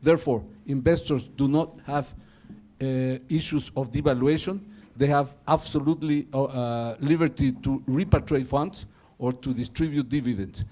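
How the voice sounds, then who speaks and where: A man's voice: medium pitch, moderate pace, dark tone. A man from Ecuador, a corporate lawyer, giving a concise, structured panel presentation in English with small slips.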